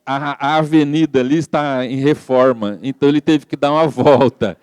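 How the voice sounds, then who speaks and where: Gentle Brazilian man telling stories. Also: medium pitch, steady tone, moderate pace, clear, resonant tone, no echo. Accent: Brazilian Portuguese. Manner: gentle storytelling, acts out quoted dialogue, frequent "né?". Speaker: spiritist speaker. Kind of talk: sermon with anecdotes.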